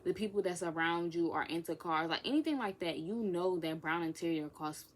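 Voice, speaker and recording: A woman's voice: lowish voice, brisk, a little hiss or hum. Sassy twenty-year-old woman vlogging casually. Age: 20s. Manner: sassy, playful, drops into whispered asides. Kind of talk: casual get-to-know-me Q&A.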